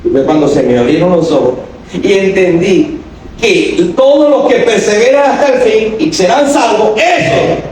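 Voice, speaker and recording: A man preaches in a high, carrying voice. His words bounce through a very echoey church, and he sounds far from the mic. A faint hiss sits underneath. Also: normal speed, a little mellow. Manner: emphatic, asks the congregation questions and acts out quoted voices. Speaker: pastor. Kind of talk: sermon. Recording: echoey church hall from a distance.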